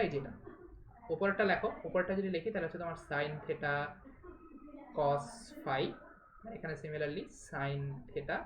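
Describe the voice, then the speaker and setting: A woman gives a live math lesson at a quick clip, her voice sitting low for a woman. She talks informally, drops English words into her sentences and keeps checking that the students follow. The sound is roomy and echoey, with a faint hiss behind her. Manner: mixes English words into speech. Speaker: math teacher. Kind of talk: live online class lecture.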